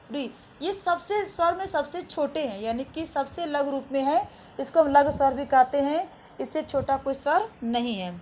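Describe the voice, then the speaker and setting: High-voiced woman teaching children. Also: slight background noise. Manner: repeats each definition slowly, asks and answers own questions. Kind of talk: classroom lesson to children.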